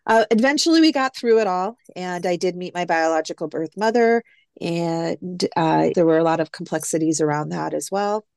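A woman's voice: on the low side, moderate pace, vocal fry, a little mellow, no echo. A woman who is an adoptee guest, reflectively telling her story in a casual interview and quoting past phone calls. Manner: reflective, retells phone calls with quoted dialogue.

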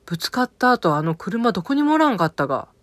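A woman's voice: medium pitch, very animated, fast talker, no echo. A woman with an Okayama accent chatting casually about a TV drama, rambling with many fillers and self-corrections. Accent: Okayama dialect of Japanese. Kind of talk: casual spoken recap of a TV drama.

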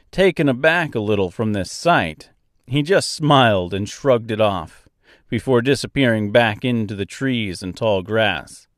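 A man narrating a crude fairy-tale parody in an unhurried, expressive storytelling manner with deadpan profanity. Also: mid-range voice, dry recording, studio quality.

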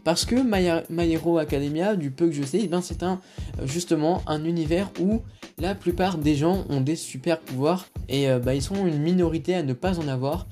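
A man's voice: a little high, normal speed, warm tone, soft background music. A man with a French accent hosting a casual film review podcast, talking hesitantly with many fillers and restarts. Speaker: podcast host.

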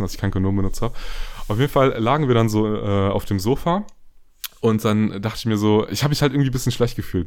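A young man tells a personal story in a casual chat, rambling with slang and fillers and often turning to address his listeners directly. His voice is on the low side and a little mellow.

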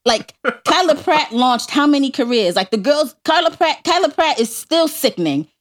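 A woman's voice: high voice, sing-song, moderate pace. A woman co-hosting a podcast in casual, playful chat, laughing often. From New York. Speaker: podcast co-host.

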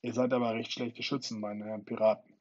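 A man's voice: fairly low pitch, level tone, fairly quick, lo-fi sound, lightly acted. A man voicing a bold, cocky boy hero in a storybook reading, raising his voice a little to play him commanding and mocking.

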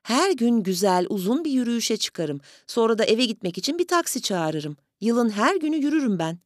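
A woman voicing a small, polite elderly gentleman who pleads with fussy, over-courteous manners in an audiobook story. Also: fairly high pitch, sing-song, moderate pace, no echo, studio quality, voice pushed up. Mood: courteous pleading.

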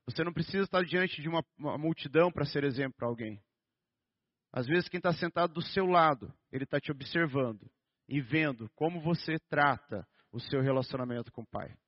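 Brazilian man preaching with a bright, higher voice. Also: no room sound. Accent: Brazilian Portuguese. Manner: conversational preaching with joking asides; slows down and stresses scripture reading. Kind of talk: sermon. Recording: dull, dry lo-fi sound.

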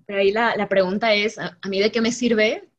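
A woman's voice: mid-range voice, steady tone, fairly quick, dull audio. Thoughtful woman reasoning aloud. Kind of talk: casual group conversation.

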